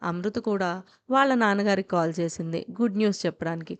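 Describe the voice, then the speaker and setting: A woman narrating an audio story in a steady, even storytelling voice. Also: mid-range voice, fast talker.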